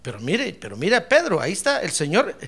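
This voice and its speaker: A male pastor preaching a sermon in an animated way, mixing jokes with fervent calls to the congregation. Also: sits high, fairly quick, slightly rough.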